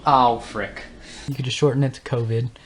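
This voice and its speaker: Medium-pitched and fairly even in intonation, a young gaming channel host speaks at normal speed, with slight background noise, in casual unscripted talk over gameplay. He stutters, stumbles over words and rambles as he thinks aloud with many fillers.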